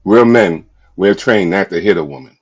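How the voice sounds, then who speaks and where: Ein Mann mit sehr tiefer Stimme spricht leidenschaftlich als Aufklärer über häusliche Gewalt, mit stockendem, sich wiederholendem Nachdruck. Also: male voice, deep voice, breathy edge, lo-fi sound. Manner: emphatic, repetitive, halting. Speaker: domestic violence awareness speaker. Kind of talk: impassioned spoken storytelling.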